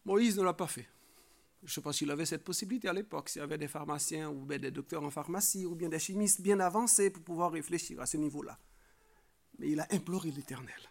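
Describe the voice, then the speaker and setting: A man's voice: quick pace, creaky. Earnest French-speaking preacher man. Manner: earnest preaching, rises in pitch and volume for emphasis; frequent filler "hein". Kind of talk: sermon.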